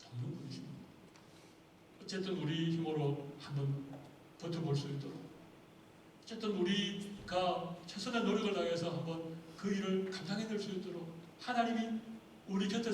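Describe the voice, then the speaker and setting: A man's voice: high voice, a little hiss or hum. A male pastor preaching a Sunday sermon and asking the congregation rhetorical questions. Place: church sanctuary. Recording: echoey hall, far from the mic.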